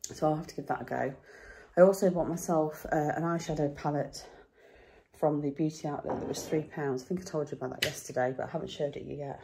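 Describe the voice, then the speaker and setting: A middle-aged woman chats to her camera in a relaxed, rambling way, poking fun at herself as she goes. Her voice sits low and dark with a mellow tone. A faint background hiss runs under the home recording. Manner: chatty, rambling, self-deprecating. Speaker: vlogger. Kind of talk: casual chat to camera. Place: home and back garden.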